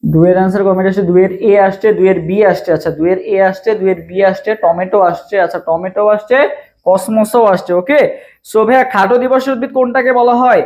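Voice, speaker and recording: Young male tutor with a Bangladeshi Bengali accent, quick live-class delivery, repetitive drilling. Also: high voice, fairly even intonation, darkish tone. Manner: fast, repetitive, drills each question over and over. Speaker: admission test tutor. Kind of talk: live-streamed exam prep class.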